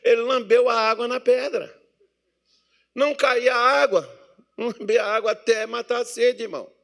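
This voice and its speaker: Bright-voiced Brazilian pastor preaching. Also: male voice, extremely high pitch, moderate pace, gravelly. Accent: Brazilian Portuguese. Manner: swings between loud preaching and quiet asides, voices imagined dialogue. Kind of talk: sermon. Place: church meeting hall.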